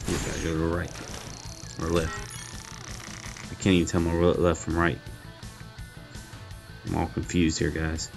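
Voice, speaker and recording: A man's voice: very deep voice, monotone, a little slow, creaky, long pauses. A man giving casual, chatty commentary while playing and reviewing a mobile game, thinking aloud and poking fun at his own mistakes. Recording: faint game music behind.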